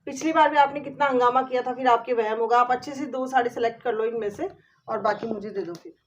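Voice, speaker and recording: A woman's voice: on the high side, fast. A woman acting in a home-made family skit, speaking in a casual, conspiring way. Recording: dull lo-fi sound.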